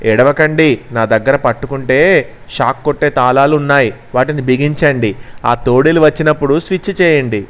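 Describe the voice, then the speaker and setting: Brief: helpful storybook ostrich, voiced by a man, calm advice. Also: mid-range voice, moderate pace, natural voice. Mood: advising.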